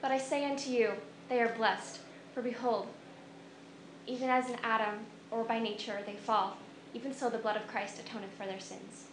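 A woman's voice: a little high, steady tone, moderate pace. A woman giving a recitation of scripture. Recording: echoey room with loud background noise.

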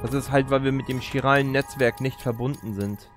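A let's play host, a man in his thirties, speaks in a mid-range, fairly even voice at a brisk pace while soft music plays behind him. He's at an indoor streaming setup, talking close into a streaming mic at his gaming chair, giving casual, chatty, explanatory gameplay commentary.

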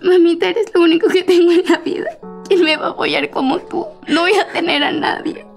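A heartbroken young daughter speaks in a very high, tearful voice. She pleads and accuses with raw grief. Faint music plays beneath her. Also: brisk, vocal fry. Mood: pleading. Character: grieving young daughter, desperate and bitter. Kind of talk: melodrama acting.

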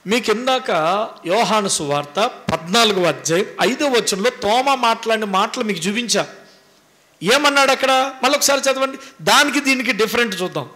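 A man's voice: high voice, lively intonation, normal speed, pushed and bright. A man preaching a sermon as pastor, emphatic and repetitive in his delivery.

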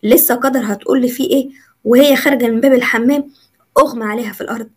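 A woman's voice: on the high side, fairly even intonation, darkish tone, husky. A woman storyteller with an Egyptian accent, narrating a serialized romance story. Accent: Egyptian Arabic. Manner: rapid, running commentary.

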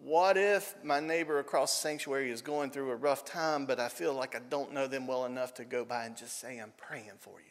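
A man's voice: mid-range voice, a little fast, few pauses. A middle-aged man with a Southern accent, preaching an earnest sermon full of stories and repeated phrases for emphasis. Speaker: pastor. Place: church sanctuary. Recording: long church hall reverb.

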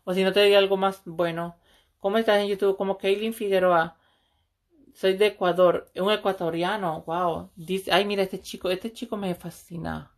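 A livestream host from El Salvador chats casually and flirtatiously from a couch in a small room, phone held close. She's brash and swears freely, her mid-range voice steady and at normal speed.

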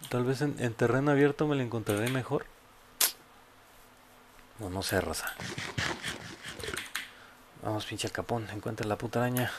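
A man with a Mexican accent giving casual, profane commentary as he plays a game, often bursting into loud yelps. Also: medium pitch, fairly even intonation, normal speed, long pauses, noisy background. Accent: Mexican Spanish. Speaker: gameplay YouTuber.

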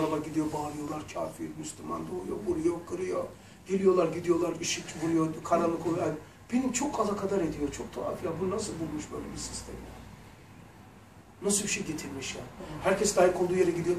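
A man's voice: sits high, slight background noise. A man giving a religious lesson, telling stories in a casual, colloquial way with blunt slang asides. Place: lesson room. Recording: roomy echo, mic far off.

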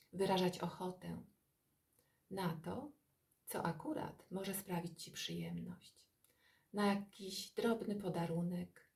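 A woman guides a relaxation meditation in a low, gravelly voice. She talks very slowly, in soft, calm phrases broken by long pauses. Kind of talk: guided body-scan meditation.

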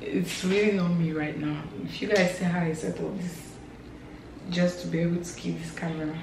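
A woman's voice: on the low side, fairly even intonation, normal speed, gravelly. Chatty Nigerian woman in an echoey room. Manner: chatty, rambling, frequent fillers. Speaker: vlogger. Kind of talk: casual vlog chat to camera. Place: bedroom and kitchen at home, indoors. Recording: echoey room with background noise.

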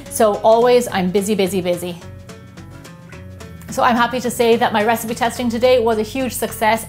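An Irish woman hosting a casual home cooking vlog, chatting upbeat as she explains each step in her kitchen. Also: mid-range voice. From Ireland. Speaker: baking show host.

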